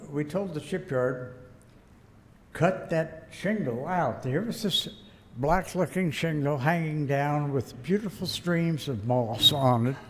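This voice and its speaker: An older man from the United States, speaking as a guest, tells a rambling, folksy story and chuckles now and then. His mid-range voice is a little mellow. The hall is echoey, with faint background noise.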